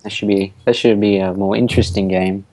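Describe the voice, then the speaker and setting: A teenage boy with an Australian accent, commentating a school esports match in a relaxed, easygoing way. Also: fairly low pitch, fairly quick, a crowd in the background, poor audio. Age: teens. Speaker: student shoutcaster.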